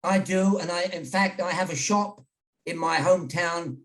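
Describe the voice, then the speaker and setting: An older British man from England, appearing as an interview guest and journalist, tells rambling stories in a casual chat over a video call. His voice is high and a bit bright at normal speed, and he keeps restarting and repeating words.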